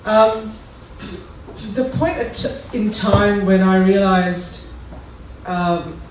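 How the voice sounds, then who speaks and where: A panelist speaking in a reflective, halting way on a discussion panel. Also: mid-range voice, fairly even intonation. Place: lecture room. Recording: very echoey room, distant mic, faint noise.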